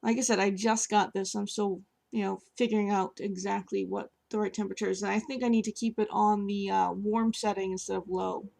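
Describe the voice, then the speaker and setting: A hoarse woman with a partly lost, gravelly and scratchy voice demonstrates her sculpting at home, reviewing clay at a table by the sofa. She's chatty and uses fillers while handling the clay, yet her medium-pitched, darkish delivery is flat and brisk with few pauses.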